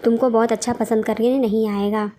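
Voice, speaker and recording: A woman's voice: on the high side, little pitch movement, fairly quick, mellow, slight background noise, natural voice. A woman doing a fussing motherly figure. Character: caring middle-aged mother, fussing over family.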